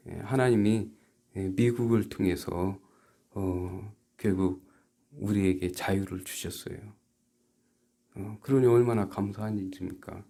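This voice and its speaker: Speaking on the low side, the South Korean pastor delivers his church sermon haltingly. Quiet asides give way to emphatic rhetorical questions and back again.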